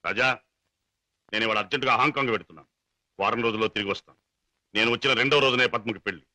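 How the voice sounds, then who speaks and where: A man's voice: mid-range voice, fast, bright, forceful tone. An actor playing a stern wealthy father who lectures scornfully against love and drops English phrases, heard over film music. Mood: firm. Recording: film soundtrack with music behind.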